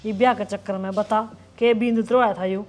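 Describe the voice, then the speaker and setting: A woman's voice: mid-range voice, steady tone, a little fast, soft background music, close to an everyday voice. A woman playing a resentful, self-pitying wicked stepmother with a Haryanvi accent in a village family drama. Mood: bitter grumbling. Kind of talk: web serial family drama acting.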